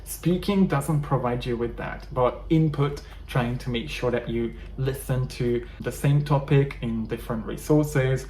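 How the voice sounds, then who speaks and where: This man, a native Hungarian speaker with a Hungarian accent, coaches viewers earnestly on learning English in a talking-head teaching video. He speaks at medium pitch and a measured pace, hardly pausing, with a slightly mellow quality. The recording picks up room echo and faint background noise.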